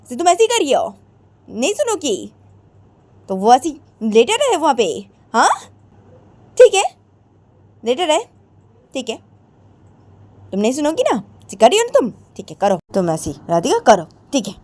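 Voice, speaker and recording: A woman's voice: high-pitched, huge pitch swings, normal speed, pauses often, a little mellow, dry recording, voice pushed up, heavily acted. A woman voicing a middle-aged mother who lectures her daughter, drawing out her advice and pleading with repeated tags. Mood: reproachful. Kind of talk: amateur storytelling with acted voices.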